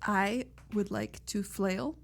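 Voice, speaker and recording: A woman playing a tabletop game, joking and reacting quickly. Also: medium pitch, steady tone, vocal fry, faint music behind. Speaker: player. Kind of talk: casual tabletop game play.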